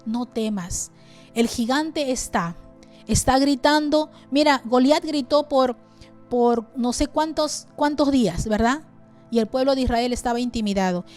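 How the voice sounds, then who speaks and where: A woman's voice: on the high side, unhurried, faint music behind. Woman pastor preaching earnestly. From Peru. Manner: earnest preaching, rises loud reading scripture. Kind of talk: sermon.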